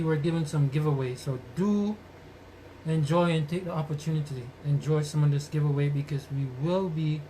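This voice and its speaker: A man's voice: fairly high pitch, mellow. Rasta-talking man podcasting over noisy sound. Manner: Rasta-style speech with blessings and greetings; repeats phrases for emphasis. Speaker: podcast host. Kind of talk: casual live podcast chat to a community. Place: moving around while live streaming, away from the mic. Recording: noisy, distant live-stream sound.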